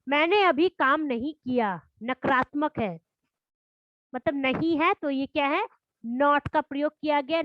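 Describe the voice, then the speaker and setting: Lady teacher, slow careful talk, high voice, dull dry lo-fi sound. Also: no echo. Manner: reads definitions slowly, then explains with questions to pupils. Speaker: school teacher. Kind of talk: classroom grammar lesson.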